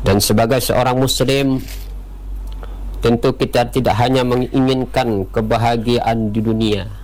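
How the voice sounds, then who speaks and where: A man giving a radio sermon in a measured way, opening with Arabic prayer formulas. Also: medium pitch, darkish tone, low-quality recording. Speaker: radio preacher.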